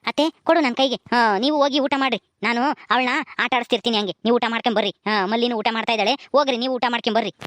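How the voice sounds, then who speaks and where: A high-voiced young daughter-in-law, as a woman plays her talks quickly. She urges the guests to eat and soothes a child. The recording is close and dry. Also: a bit bright, no room sound, close to an everyday voice. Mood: soothing. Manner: coaxing, caring, inviting. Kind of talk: village family drama acting.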